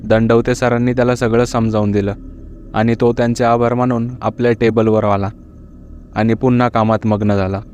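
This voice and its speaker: A man narrating a horror story in a steady, measured reading. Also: medium pitch, highs cut off, a little hiss or hum.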